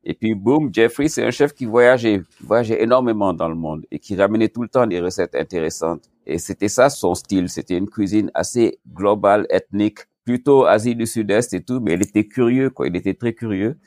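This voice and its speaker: A middle-aged man from Senegal with a very low voice tells his life story to an interviewer. He talks in a relaxed, easygoing way, laughing often. The sound is dry and close. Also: brisk, few pauses, no room sound. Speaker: chef, podcast guest.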